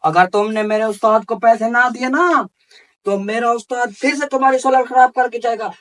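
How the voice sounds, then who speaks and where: A man's voice: extremely high pitch, a bit bright. A man playing a pushy helper to a cheating repairman, heard from a distance with music behind. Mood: threatening. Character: sly male repairman's helper.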